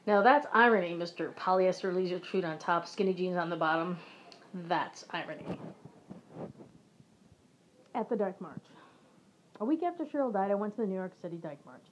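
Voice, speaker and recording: Dry, deadpan woman in her forties. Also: mid-range voice, fairly quick, long pauses, lo-fi sound, a little hiss or hum. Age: 40s. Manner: dry, wry deadpan delivery. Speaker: comic reading her own memoir. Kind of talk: reading a personal essay aloud.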